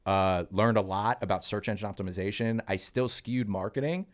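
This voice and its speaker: A man in his mid-thirties with a fairly low voice spins career stories on a casual podcast into a studio mic. He sounds chatty and animated, speeding up in bursts and tossing in "uh" and "um" along the way. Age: 30s. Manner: lively, chatty, quick bursts with fillers. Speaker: podcast co-host. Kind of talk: casual storytelling in podcast chat.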